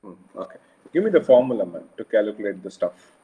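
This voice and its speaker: Over a screen-shared video call, an engineering lecturer with a Kannada South Indian accent walks students through a lesson step by step, casually repeating phrases and firing frequent questions at them. His fairly low voice is sing-song and quick, and the online call audio sounds dull and lo-fi.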